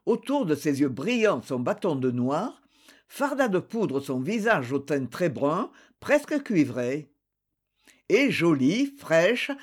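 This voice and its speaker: Narrator for a classic novel, expressive, animated pitch. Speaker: audiobook reader. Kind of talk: literary audiobook narration.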